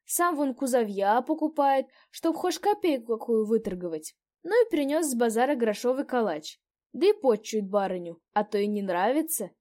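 A woman's voice: fairly high pitch, animated, warm tone, voice pushed up, natural voice. A woman reading a story aloud, voicing a fussy, gossiping old peasant innkeeper woman. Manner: fussy, fawning, quick to exclaim. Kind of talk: audiobook character voice.

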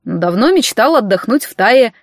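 A woman's voice: on the high side, sing-song, normal speed, dry recording, clean studio sound. A woman voicing a teasing, theatrical young man, speaking in a playful, mock-offended way.

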